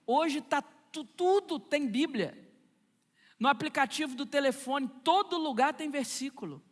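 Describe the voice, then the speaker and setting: Man, pastor, church sermon, emphatic and repetitive, high voice, long hall reverb. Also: a bit bright. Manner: emphatic preaching, repeats key phrases.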